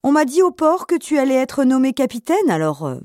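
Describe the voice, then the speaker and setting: A woman's voice: high voice, very animated, a little fast, mellow, dry recording, clean studio sound, voice pushed up. A woman voicing a sly, envious male neighbor in his twenties who talks in a prying, overfamiliar way.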